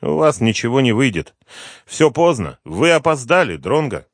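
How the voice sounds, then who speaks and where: A man's voice: mid-range voice, expressive, normal speed, no room sound, clean studio sound, voice pushed up, lightly acted. A male audiobook reader voicing a dying, desperate middle-aged former KGB officer who pleads in a strained voice and breaks into coughs. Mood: agitated.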